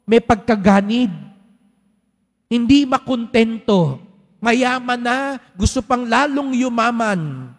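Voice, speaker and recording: Priest, male, very high voice, chatty storytelling sermon, long church echo. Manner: conversational storytelling with rhetorical questions. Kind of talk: Sunday homily. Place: large church. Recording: long church hall reverb.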